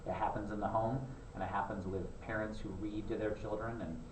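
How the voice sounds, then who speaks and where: A man's voice: on the low side, fairly even intonation, fairly quick. A man answering interview questions about education in a thoughtful, emphatic way. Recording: echoey room, distant mic, noisy.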